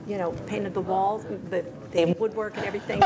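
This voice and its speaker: An older woman talking as an interview guest, explaining things in a hesitant, halting, unscripted way. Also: medium pitch, fairly even intonation, background noise. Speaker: guest porcelain painter and teacher. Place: TV studio desk, indoors. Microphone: lapel mic.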